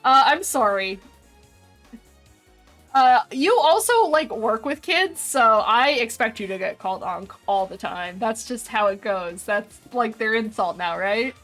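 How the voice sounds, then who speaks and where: A woman's voice: on the high side, animated, unhurried, fairly bright tone. A woman in her twenties chatting casually with her stream viewers while drawing, reading their messages aloud and laughing often. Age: 20s. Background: faint background music.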